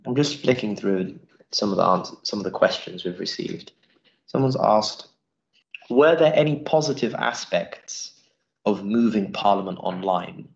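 A man's voice: on the low side, reverberant, lo-fi sound. A young man hosting a live interview and reading out audience questions in a wood-panelled office. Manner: friendly, reads audience questions.

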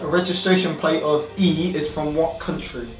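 A man's voice: fairly high pitch, level tone, normal speed, far from the mic. A man in his twenties hosting a casual quiz and reading out questions. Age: 20s. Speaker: quiz host. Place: small tiled bathroom, indoors. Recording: echoey bathroom, off the mic, music.

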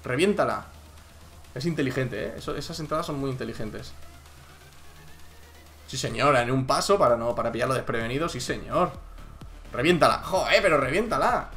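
A young man calls out basketball highlights as he watches, shouting encouragement and swearing casually. His voice sits at an ordinary middle pitch. Faint music plays underneath. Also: fairly quick, pauses often. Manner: animated, cheers and urges plays on, swears casually. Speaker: YouTuber reacting to basketball highlights. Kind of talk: excited live reaction commentary.

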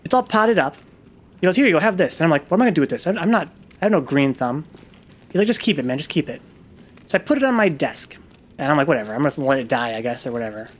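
A man talks over his gameplay in a loose, rambling way, swearing freely and poking fun at himself as the story wanders along. His voice sits a little high for a man. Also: animated, fast. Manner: rambling, profane, self-deprecating storytelling. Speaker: gaming video host. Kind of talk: casual gameplay commentary with storytelling.

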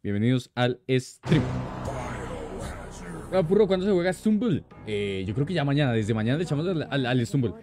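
A man hosting a gaming livestream, greeting chat with lively, slangy, playful banter. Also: medium pitch, normal speed. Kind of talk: casual live-stream chat greeting viewers.

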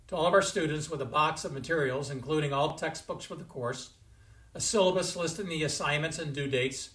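A man in his sixties, a university president giving a formal commencement address from a home study, in a measured, stately delivery. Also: on the high side, fairly bright tone. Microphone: fixed camera, chest-up framing. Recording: roomy indoor echo.

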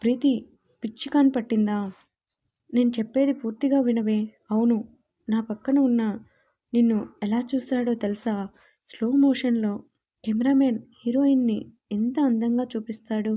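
A woman's voice: fairly high pitch, fairly even intonation, moderate pace, long pauses, dark tone, natural voice. A woman voicing an earnest young woman who pleads her case in a storybook reading. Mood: insistent.

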